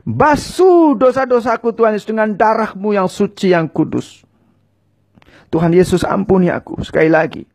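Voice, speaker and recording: A man's voice: sits high, animated, normal speed, a little mellow. A man preaching and leading viewers in a fervent prayer, giving short lines for them to repeat. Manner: speaks in tongues.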